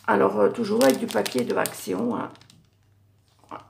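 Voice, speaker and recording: A middle-aged woman showing her handmade Christmas cards in a casual craft vlog, hesitant with many fillers and self-corrections, her voice going hoarse. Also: medium pitch, wildly swooping pitch, normal speed, a little mellow, slight background noise. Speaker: craft YouTuber.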